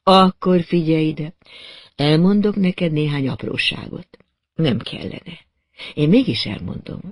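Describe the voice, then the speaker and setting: A man reading an audiobook, voicing a cool, hard-edged seductive woman in a slow, purring, deliberate way. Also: a little high, no room sound, studio quality, lightly acted. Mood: teasing.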